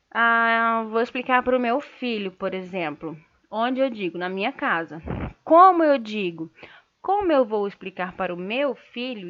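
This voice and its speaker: High-voiced Brazilian woman teaching. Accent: Brazilian Portuguese. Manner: explanatory, checks understanding with tag questions. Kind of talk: online writing lesson. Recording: dull lo-fi sound.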